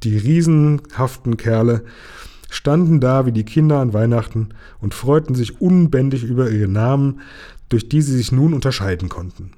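A man reading a children's storybook aloud to young listeners, relaxed and unhurried. His voice is mellow and warm at a middle pitch, and he now and then breaks off for a casual aside. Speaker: reader of a children's book.

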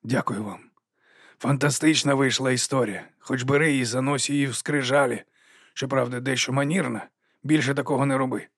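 Quietly confident young monk, even and measured, in the male reader's own voice. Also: mid-range voice, breathy edge, dry recording, clean studio sound. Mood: calm.

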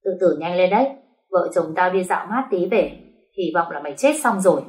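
A woman playing a scornful sharp-tongued young wife. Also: deep voice, fairly quick, natural voice. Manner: scornful, cutting.

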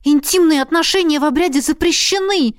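A woman doing a squeaky flustered young heroine. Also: brisk, dry recording, studio quality, close to an everyday voice. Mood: protesting. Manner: squeaky, shrill protests.

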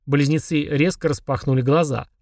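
A man narrating an audiobook in an even storytelling manner. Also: a little high, normal speed, creaky, dry recording, studio quality, recorded from a distance. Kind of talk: scripted narration.

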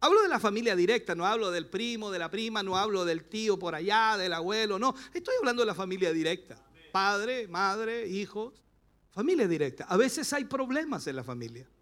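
Male Chilean pastor, sermon delivery, high and bright, rousing with joking asides. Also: lively intonation, normal speed. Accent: Chilean Spanish. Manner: rousing, rhetorical questions, playful asides. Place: church service.

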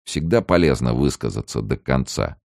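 A man's voice: rumbling low, animated, moderate pace, creaky, darkish tone, no room sound, studio quality, exaggerated voice. A male narrator voicing a weary young refugee who speaks tersely and coldly. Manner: terse, cold, restrained. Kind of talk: audiobook character voice.

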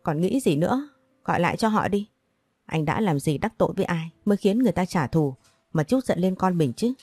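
A woman's voice: lowish voice, lively intonation, fairly quick, a little mellow, husky, no echo. A woman voicing a frantic young mother who pleads and accuses, in an audio story. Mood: accusing.

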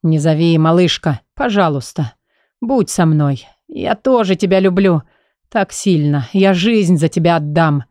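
Audiobook: tormented young man with a split personality, low, desperate pleading, read by a woman. Warm tone, dry booth. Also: measured pace, no room sound, natural voice.

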